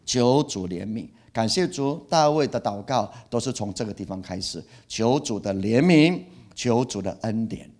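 Animated pastor, man. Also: fairly low pitch, moderate pace. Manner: animated, repeats key phrases, acts out feelings with exclamations. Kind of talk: sermon.

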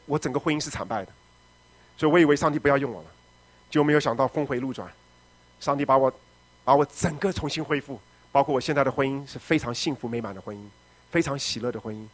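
A middle-aged pastor delivers a testimony sermon, telling his story with drama. He swings between loud shouting and quiet, low speech.

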